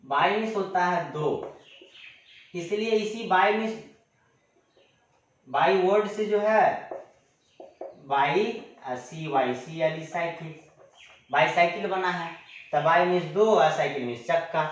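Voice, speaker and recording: A man with a slightly high voice teaches grammar in a patient lecture in his terms. He repeats each definition and stretches out example words. The sound is very echoey and dull, like a lo-fi recording in a bare room. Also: takes it slowly, pauses often. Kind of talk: classroom lecture.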